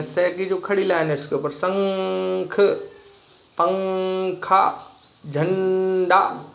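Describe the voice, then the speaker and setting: Male teacher, slightly high gravelly voice, patient question-and-repeat classroom delivery, echoey room. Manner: asks pupils questions and repeats key words slowly. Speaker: Hindi teacher. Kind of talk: classroom grammar lesson.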